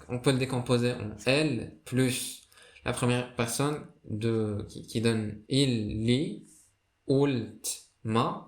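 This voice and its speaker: A man giving a casual spoken lesson on a writing system, hesitant and full of fillers and restarts. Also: mid-range voice. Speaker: video creator explaining a writing system. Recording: roomy echo.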